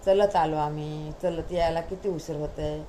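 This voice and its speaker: A woman's voice: sits low, steady tone, moderate pace, dark tone, slight background noise, close to an everyday voice, low-quality recording. A woman voicing a devoted young son in a told story, speaking in an earnest, firm way.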